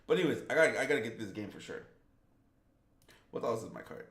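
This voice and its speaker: A man's voice: medium pitch, lively intonation, quick pace, fairly bright tone. Rambling man on a gaming stream, roomy echo. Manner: rambling, reads viewer comments aloud. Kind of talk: casual live-stream chat.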